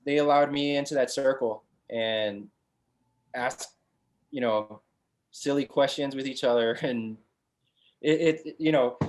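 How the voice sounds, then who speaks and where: Relaxed man rambling casually. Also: mid-range voice. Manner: relaxed, rambling with many fillers and restarts. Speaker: guest, brewery founder. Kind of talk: casual interview chat.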